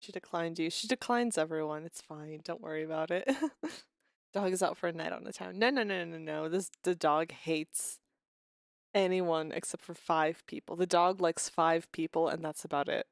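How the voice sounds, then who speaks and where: A woman's voice: lowish voice, moderate pace, gravelly, no echo. Chatty woman streamer, dry close sound. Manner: rambling, chatty, trails off and restarts. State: unwell, occasional cough. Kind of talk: casual chat with viewers.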